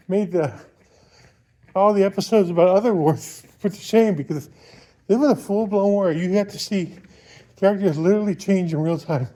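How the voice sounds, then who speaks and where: High-pitched man vlogging while running, mellow tone. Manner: talking while out on a run. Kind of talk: casual rambling opinion vlog.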